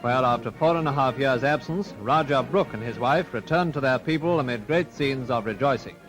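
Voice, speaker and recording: A man's voice: mid-range voice, moderate pace, low-quality recording. A man giving formal archival newsreel narration in an announcing manner. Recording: old newsreel soundtrack with music.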